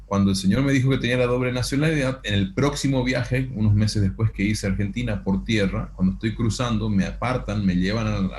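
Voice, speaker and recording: A man in his forties with a very low voice tells his testimony as an interview guest. He speaks in an earnest, measured way, with some restarts, over a video call. A faint ambient hum sits under his voice. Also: a little mellow. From Paraguay. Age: 40s. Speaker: guest, actor and pastor.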